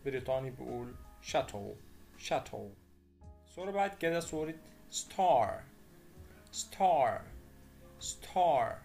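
Man, Egyptian Arabic accent, English teacher, slow deliberate delivery, repeats each word, faint background music. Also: medium pitch, expressive, vocal fry, darkish tone. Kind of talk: vocabulary lesson voice-over.

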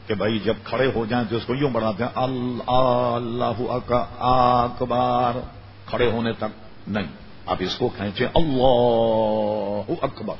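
Male scholar, lower voice, lecture delivery with drawn-out demonstrations; muffled old recording, light background hiss. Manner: demonstrates pronunciation by drawing out words. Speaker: Islamic scholar. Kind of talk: religious lecture. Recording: dull lo-fi recording with faint noise.

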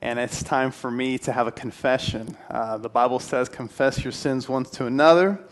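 A man in his twenties from Puerto Rico, a guest speaker, gives a friendly, earnest talk in a church hall with a stone fireplace, restarting now and then. His mid-range voice has fairly even intonation at a moderate pace. He uses a handheld mic, then switches to a headset.

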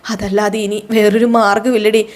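A woman's voice: mid-range voice, flat delivery, moderate pace, close to an everyday voice. A woman voicing a scheming young woman who gives bossy, conspiratorial instructions to her friend. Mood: plotting.

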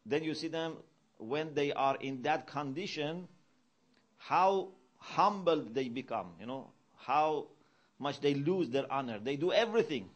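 A middle-aged Islamic lecturer gives a religious lecture in a mosque hall, teaching earnestly in a rather high, expressive voice. He recites Arabic verses quickly and raises his volume to emphasize points.

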